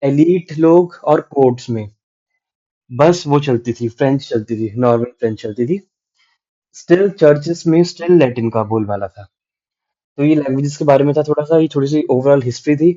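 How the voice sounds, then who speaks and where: A man's voice: mid-range voice, normal speed, mellow. A man teaching a literature lecture in mixed Hindi and English, explaining patiently and checking in with "right?". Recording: dull lo-fi sound.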